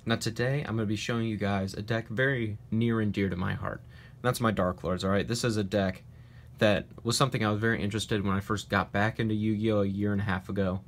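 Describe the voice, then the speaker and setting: A card game channel host, a man, presents a casual deck profile in a fairly low, steady voice at a quick pace. He has a cold, so he sounds stuffy and nasal, yet he speaks with confidence and emphasis, peppering his talk with "uh" and "um." There is slight background noise.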